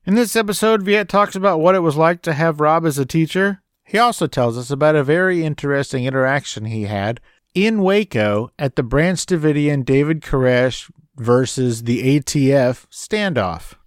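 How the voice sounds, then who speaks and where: Male podcast host, casual and breezy, slightly high voice. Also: moderate pace, no echo, clean studio sound. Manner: breezy, addresses listeners as guys. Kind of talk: casual podcast chat and ad reads.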